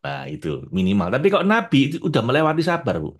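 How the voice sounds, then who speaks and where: Animated preacher man with touches. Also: on the high side, very fast, husky. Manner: animated, addresses listeners as Bu and Pak, jumps from loud to hushed. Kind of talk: religious talk to an audience.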